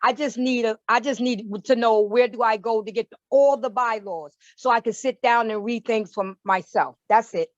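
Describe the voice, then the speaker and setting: A woman's voice: on the high side, moderate pace, hardly any pauses, dry recording, lo-fi sound. A woman community board member on a bad phone connection, speaking insistently and repeating herself in a virtual meeting.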